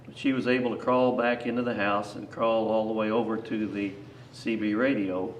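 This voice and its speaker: A man's voice: fairly low pitch, little pitch movement, moderate pace. An older man, a grandfather, telling an unscripted, rambling personal story in a folksy, plain-spoken way that often doubles back on itself. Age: 60s or older. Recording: echoey, distant mic, faint noise.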